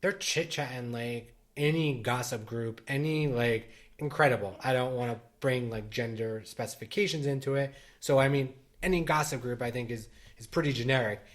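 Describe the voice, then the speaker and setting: A middle-aged man co-hosting a casual podcast chat. He rambles, circles back and restarts his sentences, and his voice sits at an ordinary pitch for a man. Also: moderate pace. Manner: rambling, many restarts and fillers. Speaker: podcast co-host.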